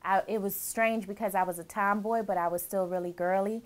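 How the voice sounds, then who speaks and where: A woman's voice: medium pitch, steady tone, a little fast. A woman in her thirties who grew up in Germany, cheerfully recalling her childhood in a chatty interview with lots of laughs and fillers. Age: 30s. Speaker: interviewee, bride-to-be. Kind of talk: relaxed interview answers.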